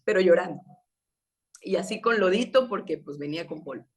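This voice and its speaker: A woman's voice: lowish voice, animated, brisk. Mexican woman preaching conversationally. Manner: conversational, storytelling with rhetorical questions. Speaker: women's meeting preacher. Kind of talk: sermon.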